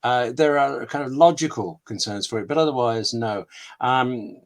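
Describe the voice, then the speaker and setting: Answering a webinar interviewer's questions at a moderate pace, a male scriptwriter uses a mid-range voice. His replies come in short, emphatic bursts, frank and self-mocking.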